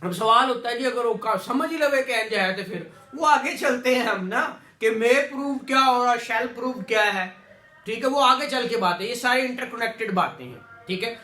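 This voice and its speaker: A law lecturer with a Pakistani Punjabi accent teaches a class in a very high, sharp voice at a moderate pace. He explains things repetitively, keeps checking that students agree, and mixes English legal terms into his speech. The room sound is echoey.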